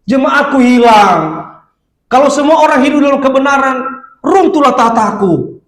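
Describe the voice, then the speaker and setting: A preacher putting on a whining, scheming devil. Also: male voice, high-pitched, moderate pace, a little mellow, lightly acted. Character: sulking, scheming male devil tempter. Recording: echoey church hall.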